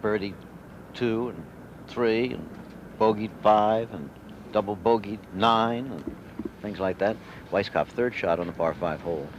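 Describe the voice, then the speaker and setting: Low-voiced man, vintage golf commentator. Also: a little slow. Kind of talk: live golf play-by-play commentary. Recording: dull, noisy vintage TV broadcast.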